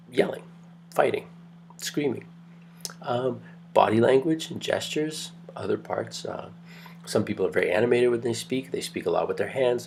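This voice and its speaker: A man's voice: fairly low pitch, creaky, slight background noise. A man giving a recorded anthropology lecture from home late at night, keeping his voice down, chatty and rambling, with lots of ums and restarts. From Greece heritage. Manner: rambling, conversational, many fillers and restarts; kept quiet, late at night.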